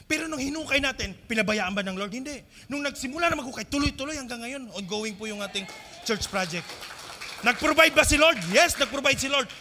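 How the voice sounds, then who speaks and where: A man's voice: lively intonation, fairly quick, a little hiss or hum. A male pastor with a Filipino accent, preaching a sermon to his congregation and asking them questions, mixing English phrases into his talk. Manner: swings between loud emphatic lines and quiet low asides.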